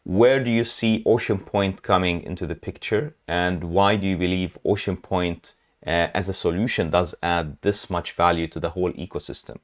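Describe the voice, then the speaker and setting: Male host from Lebanon, lowish voice, hesitant and chatty, laughs often. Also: fairly even intonation, normal speed. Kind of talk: casual interview chat.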